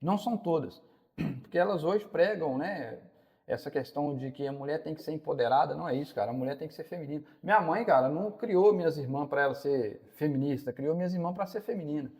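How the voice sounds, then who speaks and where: A man's voice: fairly high pitch, lively intonation, quick pace, darkish tone, big-room sound. A Brazilian man in his forties, a city councilman interviewed on a podcast, speaking casually and saying "cara" often. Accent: Brazilian Portuguese. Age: 40s.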